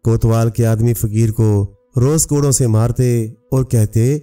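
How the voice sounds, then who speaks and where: Brief: male storyteller, mellow dark voice, set back from the mic with faint music. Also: mid-range voice, fairly even intonation, a little slow, clear, resonant tone, far from the mic. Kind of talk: scripted storybook narration.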